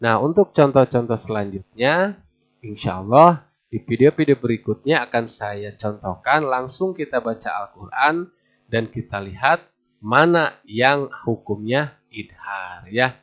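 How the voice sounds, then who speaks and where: A man teaching Quran recitation rules to beginners, patiently repeating each example with slow, drawn-out recitation. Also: mid-range voice, animated. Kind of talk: tajwid lesson for beginners. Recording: dull lo-fi recording.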